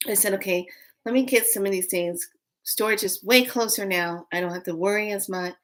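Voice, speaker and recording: A woman in her late fifties, a vlogger, chats casually with viewers on a live stream, rambling her way through a story. Her voice is medium-pitched and brisk.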